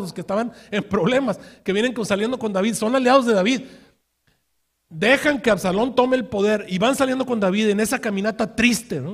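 Husky man, fairly high voice, pastor's sermon, storytelling, rhetorical questions. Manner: shifts from quiet asides to loud shouted outbursts.

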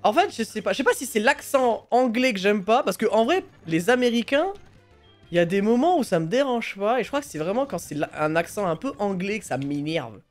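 Excitable woman streamer with lively pitch. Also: a little fast, soft background music. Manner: excitable, bursts of laughter, teasing. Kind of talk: casual live-stream chat while gaming.

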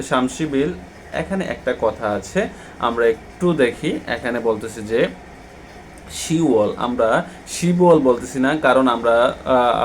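Bangladeshi male language tutor, mid-pitched, halting, filler-heavy delivery, light background noise. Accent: Bangladeshi Bengali. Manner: hesitant, many drawn-out "ah" fillers between words. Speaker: Korean language teacher. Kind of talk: explaining textbook vocabulary.

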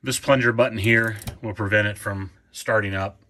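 Low-voiced man explaining a furnace repair. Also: fairly even intonation, bright, forceful tone. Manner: plain, unhurried, many ums and restarts. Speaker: homeowner showing a repair. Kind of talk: casual DIY walkthrough. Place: indoors by a furnace, off camera.

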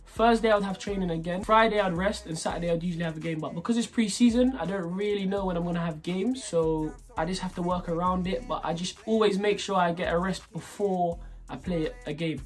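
A man in his twenties answering fan questions in a relaxed, casual vlog from his bedroom. He often trails off and keeps repeating "obviously". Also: high voice. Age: 20s. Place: bedroom, indoors. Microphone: camera at desk distance.

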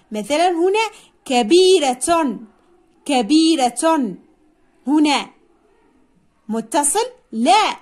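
Woman teacher, high voice that bounces around a lot, stretches out each word and says it twice. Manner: slow, drawn-out dictation of single words, repeating each; asks pupils questions and answers them herself. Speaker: primary school teacher. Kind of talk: Arabic spelling lesson.

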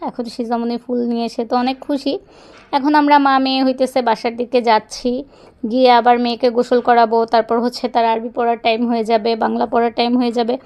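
Young mom vlogging outdoors on her phone, quick chatty talk, lots of filler, high voice. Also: level tone, darkish tone, smooth. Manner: chatty, rambling, fond of filler phrases. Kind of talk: casual vlog narration while walking. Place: outdoors on a neighborhood walk.

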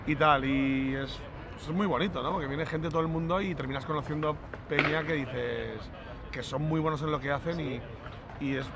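A middle-aged man, telling stories in a relaxed, slangy way in an outdoor plaza. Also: fairly high pitch, moderate pace. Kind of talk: casual street chat. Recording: outdoor street noise.

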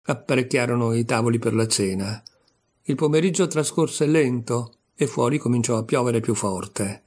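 A man narrating a literary short story in a measured, calm storytelling manner. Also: medium pitch, slightly rough. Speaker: narrator and reader.

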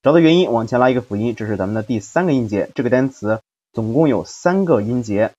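A man at a middle pitch teaches an English phonics lesson. He explains each step patiently and stretches out individual sounds as he drills syllables. The audio is slightly dull and lo-fi. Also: animated, fast talker, darkish tone.

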